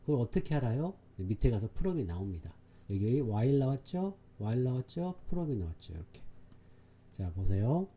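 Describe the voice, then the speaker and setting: Male exam-prep English teacher, dark husky voice, emphatic and repetitive, checks in with students constantly. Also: mid-range voice, sing-song, normal speed. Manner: repetitive, emphatic, keeps checking understanding with the class. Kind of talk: exam-prep lecture explaining a reading passage.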